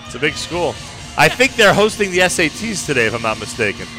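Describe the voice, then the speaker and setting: A man's voice: on the high side, sing-song, quick pace. A man working as a parade commentator on a live outdoor broadcast, chatting and calling out welcomes and thanks. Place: outdoors on a city street at a parade. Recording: outdoor street broadcast with music behind.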